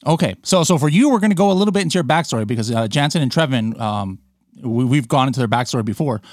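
A man's voice: medium pitch, expressive, fast, no room sound, studio quality. A man hosting a podcast, chatty and upbeat, joking about himself with many fillers. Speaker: podcast host. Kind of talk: casual interview chat.

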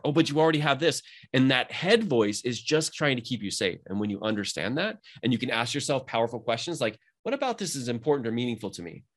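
Male coach, rapid motivational delivery, animated emphasis. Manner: energetic, motivational, rising pitch when emphatic. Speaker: mindset coach. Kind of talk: casual podcast conversation.

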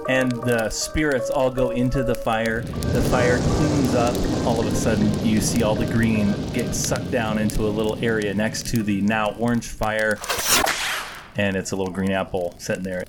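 A man acts as game master, narrating a tabletop role-playing game and directing the players. Loud music runs behind his voice. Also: lowish voice, little pitch movement, moderate pace.

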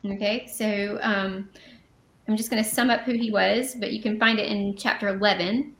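Gravelly woman reading scripture, echoey room. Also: medium pitch, fairly even intonation, normal speed, fairly bright tone. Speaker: podcast co-host. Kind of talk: casual Bible study reading and commentary.

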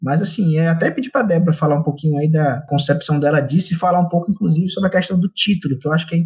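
A young Brazilian man speaks quickly in a slightly raised register. He rambles through casual interview answers, hedging often and tacking on tag questions. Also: fairly high pitch, a little mellow. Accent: Brazilian Portuguese. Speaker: comics artist and co-author of an adaptation. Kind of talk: conversational interview talk.

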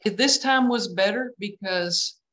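A woman speaks with a West Texas twang at a middling pitch. She comes across as self-deprecating and a little halting, explaining things casually as an interview guest on a video call. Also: a bit bright. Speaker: guest artist, painter.

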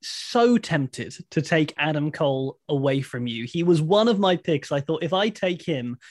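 Man, podcast co-host, enthusiastic, emphatic, higher pitch, dry close sound. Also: animated, unhurried, dry recording. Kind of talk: casual podcast chat.

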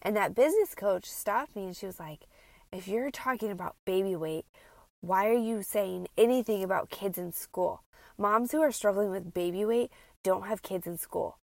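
A podcast host and health coach for moms talks straight to her listeners in a chatty solo show, her mid-range voice gravelly and her nose stuffed up, giving a congested, nasal sound. She speaks at a moderate pace on a dry recording, informal and animated, repeating phrases for emphasis.

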